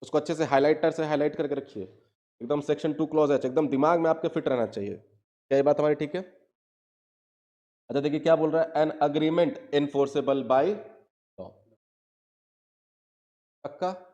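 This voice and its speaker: A man lectures on law in a fairly high voice. He keeps asking his students whether they are following him, and he spells out each definition slowly. Every few sentences he turns the point back to them as a question. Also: mellow, highs cut off. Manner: asks students constant check questions; reads legal definitions slowly word by word. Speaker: teacher.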